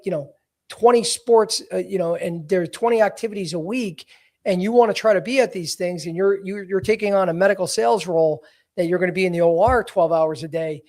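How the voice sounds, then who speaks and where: A man in his forties with a notably high voice, hosting a casual career-advice podcast. He talks bluntly and emphatically and keeps it real, with frequent "you know" fillers. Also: a little mellow. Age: 40s. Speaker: podcast host, career coach.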